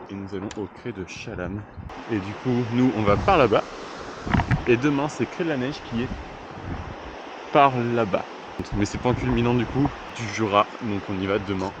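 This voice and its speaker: A young man with a lowish voice chats and jokes to his camera while hiking a mountain trail. Running water rushes loudly behind him, caught on the camera's own mic out in the open. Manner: chatty and joking, talking to camera. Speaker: hiking vlogger. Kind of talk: casual vlog chat. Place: outdoor mountain trail by a stream. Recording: outdoor camera audio, stream noise behind.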